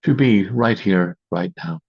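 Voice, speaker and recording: A man with a low voice and a breathy edge hosts a guided meditation, giving slow, calm instructions in measured short phrases and long pauses. It was recorded over a video call, so the audio is dull and lo-fi.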